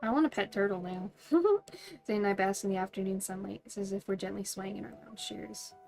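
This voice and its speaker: A woman's voice: medium pitch, fairly quick, vocal fry, a little mellow, faint music behind. Bubbly woman streamer reading game text. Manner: bubbly, giggly, playful asides. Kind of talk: reading game text aloud with excited reactions.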